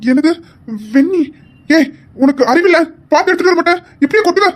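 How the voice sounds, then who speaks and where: A woman voicing a protective adult son who scolds loudly and gives orders. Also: high voice, rapid-fire, voice pushed down. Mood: angry. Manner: loud, scolding, commanding.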